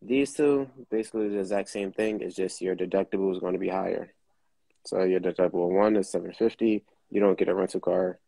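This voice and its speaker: A man's voice: low voice, fairly even intonation, a little fast, creaky, warm tone, dry recording. A man hosting a casual chat, explaining things in a blunt, profane, laid-back way. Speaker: host.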